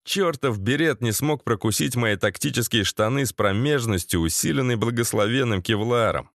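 A man's voice: mid-range voice, moderate pace. A man narrates a crude first-person action tale in a sardonic, swearing manner. His voice sits in a medium range. The recording is dry and close, with no echo. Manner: sardonic, profane. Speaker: audiobook narrator.

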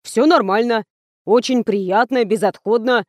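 A fussy, businesslike man lays out the rules step by step in a matter-of-fact way, as a woman narrator reads him. The voice stays fairly high and close, with a dry sound. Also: a little slow, a little mellow, dry recording, close to an everyday voice. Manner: methodical, matter-of-fact explaining. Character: fussy methodical male sponsor's agent.

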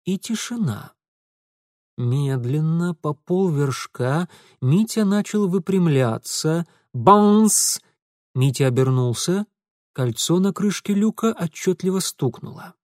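A man's voice: a little high, no room sound, studio quality. A man narrating an audiobook dramatically, voicing sound effects along the way. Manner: dramatic, expressive reading with voiced sound effects.

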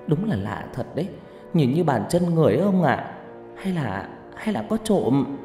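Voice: medium pitch, sing-song, unhurried, warm tone, voice pushed up. A narrator voicing an anxious, protective village mother who stammers in alarm. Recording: echoey reverb with background music.

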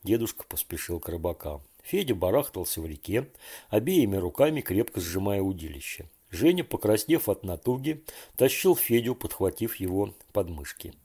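A man reading a children's story aloud with calm, even storytelling. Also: on the low side, moderate pace, slightly rough. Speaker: narrator.

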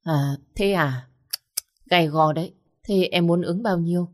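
Storybook role: a cautious male manager, slow and doubtful, played by a woman reader. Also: fairly low pitch, a little mellow, close to an everyday voice. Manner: slow, measured, hesitant.

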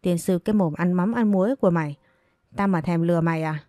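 A woman's voice: lowish voice, fast talker, mellow, no room sound, clean studio sound, natural voice. A woman voicing a sly young servant girl who whines and pleads. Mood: whiny. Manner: whining, pleading.

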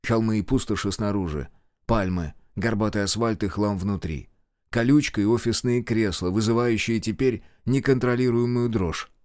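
A man narrating a horror audiobook in a dramatic, expressive way. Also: on the low side, normal speed, dry recording, studio quality. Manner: dramatic, acts out characters.

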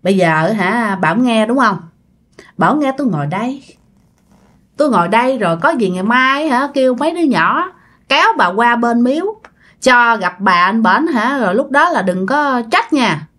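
A woman's voice: expressive, moderate pace, fairly bright tone. A woman voicing a firm elderly village woman who stands up to a ghost, speaking. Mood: stubborn. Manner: low, firm and commanding.

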